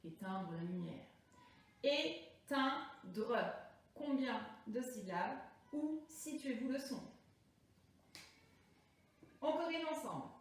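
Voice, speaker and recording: A high-voiced woman teaching a remote lesson to small children, stretching each word out slowly and carefully. She sounds set back from the mic, in a strongly echoing room with faint noise in the background. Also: expressive, darkish tone. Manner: slow, deliberate, stretching out words for children. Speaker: primary school teacher. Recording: echoey room, voice from a distance.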